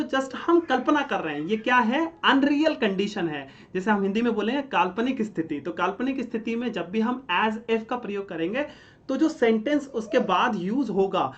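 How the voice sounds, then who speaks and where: Man, grammar teacher, self-answered questions, keeps checking "okay?", slightly dull lo-fi sound. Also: high voice. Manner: explains step by step, asks and answers his own questions; writes on a board while he talks. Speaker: English teacher. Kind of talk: classroom-style grammar lesson.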